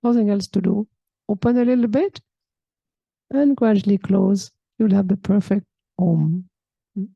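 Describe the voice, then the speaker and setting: A woman gives an unhurried spiritual talk as a yoga teacher, with a gravelly, mellow voice. She explains a text calmly and reflectively, pausing on a soft questioning hmm. The sound is close and dry, with no room echo. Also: medium pitch, muffled recording. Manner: calm, reflective, often checks in with a soft hmm.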